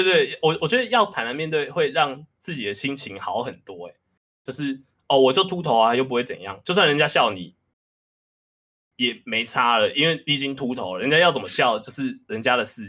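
A man's voice: medium pitch, lively intonation, quick pace, pushed and bright. A man, hosting a podcast in casual chat, talking candidly and self-deprecatingly. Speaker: podcast host.

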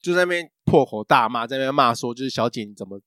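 A man's voice: mid-range voice, animated, quick pace, fairly bright tone, dry recording, studio quality. A man, co-hosting a casual podcast chat and telling a rambling story full of fillers and restarts. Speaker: podcast co-host.

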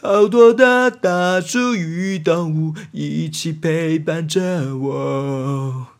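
A man voicing a goofy young male pig who sings slower and lower, off key, like a tape on dying batteries. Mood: sluggish. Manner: creaky, off-key singing.

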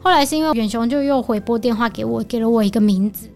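A woman guest with a Taiwanese Mandarin accent, telling a story in animated, exasperated casual chat. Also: a little high, fast talker. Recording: studio with light background music.

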